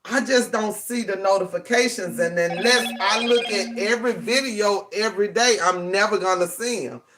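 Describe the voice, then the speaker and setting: A man's voice: sits high, normal speed, noisy background. A man with a Southern US country accent and a rural drawl, hosting a casual live craft tutorial and repeating key instructions emphatically. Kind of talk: casual livestream craft demonstration.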